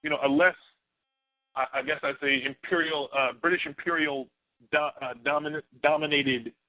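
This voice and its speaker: A man's voice: a little high, steady tone, normal speed, no room sound. A man on a radio talk show panel who jumps in eagerly and repeats himself as he talks. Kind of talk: casual panel discussion. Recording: tinny phone line, dry.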